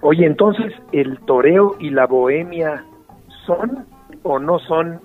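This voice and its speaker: Man, interviewer, friendly prompting, higher voice, tinny sound with faint music. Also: lively intonation, slow. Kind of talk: interview questions.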